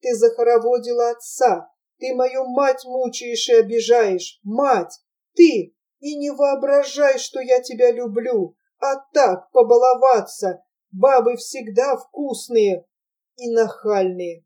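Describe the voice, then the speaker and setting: A woman's voice: fairly high pitch, slow pace, warm tone, recorded from a distance. A woman voicing an agitated, hot-headed young man in an audiobook. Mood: accusing. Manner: agitated, defiant. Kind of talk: audiobook character voice.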